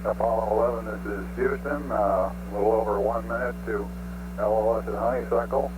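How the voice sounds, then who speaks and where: Male capsule communicator, lowish voice, clipped procedural phrasing, humming archival space radio with clear static. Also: steady tone, fairly quick. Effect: space-mission radio. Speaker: mission control capsule communicator.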